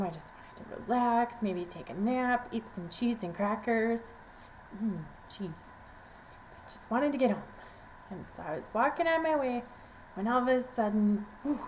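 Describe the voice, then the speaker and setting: A young adult woman performing a fable as a storyteller, speaking in the first person in a casual, conversational, animated way. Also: fairly high pitch, a little hiss or hum, low-quality recording.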